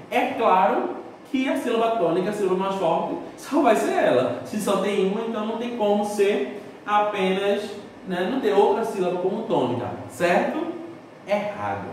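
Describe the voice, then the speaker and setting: A man's voice: high-pitched, sing-song, normal speed, a little mellow. A man teaching a recorded Portuguese lesson to a school class, explaining step by step and posing questions that he answers himself. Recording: echoey room, distant mic, faint noise.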